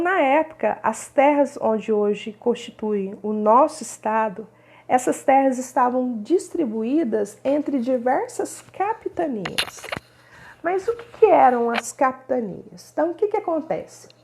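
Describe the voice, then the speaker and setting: A woman's voice: sits high, vocal fry, dark tone. A woman from São Paulo, teaching a recorded history lesson and explaining with rhetorical questions and frequent tag questions. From São Paulo, Brazil. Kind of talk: recorded remote class lesson.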